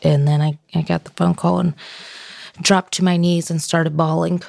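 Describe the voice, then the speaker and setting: A woman's voice: lowish voice, flat delivery, moderate pace, creaky, a little mellow, no room sound. A woman being interviewed, recounting things in a plain-spoken, informal, conversational way.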